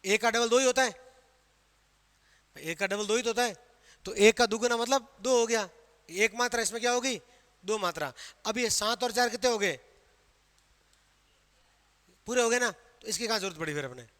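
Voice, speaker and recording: A man's voice: high-pitched, a little fast, a bit bright. A man with a Rajasthani Hindi accent teaching a grammar class, quizzing students with questions he answers himself. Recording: long reverb of a hall.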